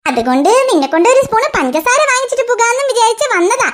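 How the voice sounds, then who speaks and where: A woman's voice: extremely high pitch, very animated, quick pace. A performer voicing a talkative neighbor mother in a cartoon, who rambles and chatters at length. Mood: chatty. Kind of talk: cartoon voice acting.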